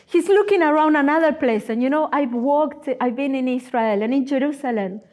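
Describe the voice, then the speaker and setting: A woman's voice: high voice, fairly quick. A woman in her forties giving a sermon as a guest speaker, telling personal stories with humorous asides. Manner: animated, storytelling, humorous asides. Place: church.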